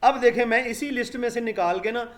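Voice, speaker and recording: Slowly and patiently drilling each sound, a man with a fairly high voice teaches a live online English lesson. This English teacher speaks and refers to his students as "beta."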